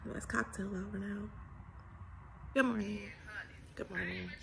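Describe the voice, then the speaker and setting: A vlogger chats casually to camera from a small bedroom at home, her medium-pitched voice gravelly like she's just woken up. She's chatty and laughing, calls her viewers "y'all," and keeps a steady, unhurried tone. Her phone is held close or propped at arm's length, and crowd noise can be heard.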